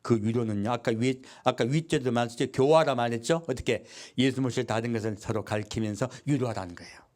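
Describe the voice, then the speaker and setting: A man's medium-pitched voice moves fast through a sermon he is preaching as a pastor. He asks the congregation questions and responds to them himself in a lively call-and-response manner, performing quotes along the way.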